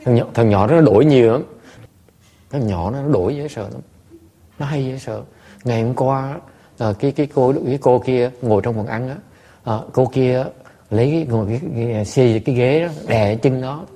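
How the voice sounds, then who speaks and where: A man, a Buddhist monk teacher, telling stories to listeners in an animated, laughing way with many stammered repeats. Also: mid-range voice, moderate pace. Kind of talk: storytelling talk to listeners.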